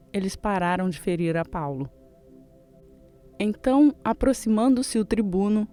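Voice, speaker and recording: A reader giving a measured, steady reading of scripture, as in a daily Bible reading plan. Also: medium pitch.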